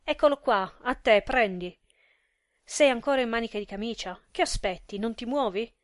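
A woman reading aloud voices a furious, indignant wife who talks in a shrill, urgent, bossy way. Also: normal speed, no room sound, studio quality, close to an everyday voice. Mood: impatient.

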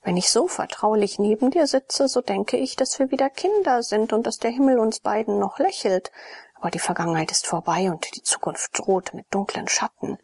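A woman's voice: a little high, animated, moderate pace, gravelly, a little mellow, slightly rough, no room sound, heavily acted. A woman voicing a troubled young priest, half-whispered and earnest, in an audiobook reading.

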